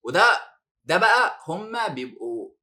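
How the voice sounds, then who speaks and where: A man with an Egyptian accent, a former detainee telling his story as a podcast guest, animated and laughing now and then. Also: sits high, normal speed. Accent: Egyptian Arabic. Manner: animated, laughs while recounting hardship.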